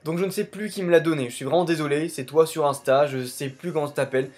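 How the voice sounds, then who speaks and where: A young man from France, a YouTuber digging into game clans, talks fast in a slightly high, darkish voice with fairly even intonation. His improvised commentary is casual and rambling, and he constantly falls back on "tout simplement."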